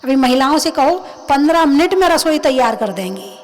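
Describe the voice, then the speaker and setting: Woman, high-pitched voice, religious sermon, conversational, questions to listeners. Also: lively intonation, darkish tone. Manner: acts out everyday voices in quick asides. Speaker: Jain nun preacher. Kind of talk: religious discourse.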